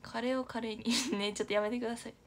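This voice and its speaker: A woman's voice: on the high side, steady tone, racing, a bit bright. A young woman from Aichi hosting a casual livestream, chatty and giggly, reading viewer comments aloud and often dropping to a near-whisper. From Aichi, Japan. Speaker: idol livestream host.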